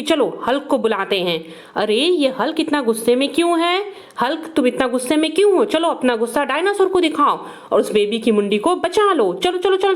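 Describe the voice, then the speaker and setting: A woman narrating toy play for children, full of exclamations and repeated words. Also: high-pitched.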